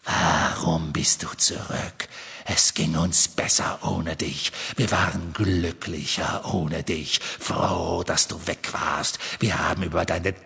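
A cold, scornful phantom boy speaking in a dark lord's voice in an audiobook, as a man narrating puts him on. The voice sinks low and slow into a contemptuous near-whisper. It sounds gravelly and close. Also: steady tone, long reverb tail, exaggerated voice.

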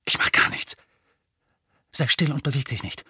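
A man reading an audiobook voices a frightened teenage boy wizard who hisses and shouts urgent commands. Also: mid-range voice, lively intonation, fast talker, husky. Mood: hissing whisper. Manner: tense, hissing and shouting commands.

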